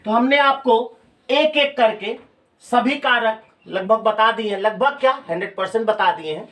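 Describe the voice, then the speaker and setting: This teacher speaks unhurriedly in a high, somewhat bright voice, picked up from far off the microphone. He gives a grammar lecture, working through the material step by step and questioning his students.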